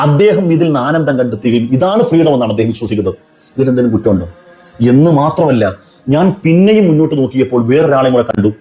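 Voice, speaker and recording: A man's voice: medium pitch, warm tone. A man giving a persuasive religious speech, firing one rhetorical question after another at the listener. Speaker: Islamic speaker.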